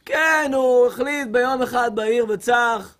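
A man giving a humorous sermon as a rabbi, telling stories animatedly and acting out other people's voices. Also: very high-pitched. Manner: animated comic storytelling, acts out women's voices.

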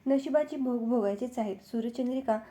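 Warm-voiced woman telling a devotional tale. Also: fairly high pitch, a little fast. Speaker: storyteller. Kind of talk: devotional story narration.

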